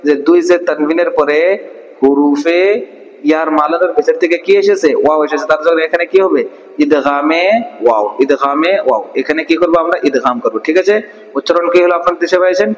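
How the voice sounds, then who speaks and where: A man leads a Quran recitation lesson in a fairly high voice. He keeps quizzing his listeners and answering himself, then stretches verses out one syllable at a time. A long reverb trails behind his words. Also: steady tone, highs cut off. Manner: question-and-answer drilling, slow syllable-by-syllable recitation. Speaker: Quran teacher. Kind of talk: online Quran recitation class.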